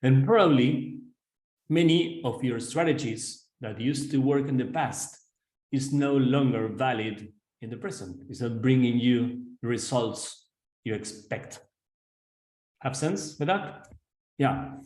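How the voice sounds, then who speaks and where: Argentine-accented male executive coach, earnest webinar delivery, mid-pitched, roomy echo. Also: takes it slowly, darkish tone. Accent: Argentine Spanish. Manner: earnest, addresses audience directly, frequent "right?" tag questions. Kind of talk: webinar presentation.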